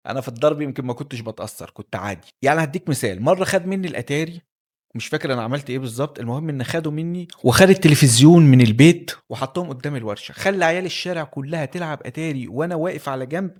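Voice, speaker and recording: A man with an Egyptian Arabic accent telling a personal life story as a candid, conversational monologue, speaking straight to the listener. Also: fairly high pitch.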